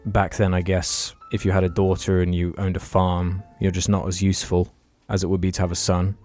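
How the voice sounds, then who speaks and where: A man's voice: low-pitched, completely flat delivery, a little fast, a little mellow, faint music behind. A young man, telling a long story in casual podcast chat and swearing freely. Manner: rambling storytelling, heavy swearing. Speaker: podcast co-host.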